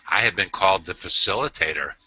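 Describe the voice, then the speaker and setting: A man hosting a casual video call interview, halting with many "uh" fillers and restarts. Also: low-pitched, pushed and bright, husky, no echo, muffled recording. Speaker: host.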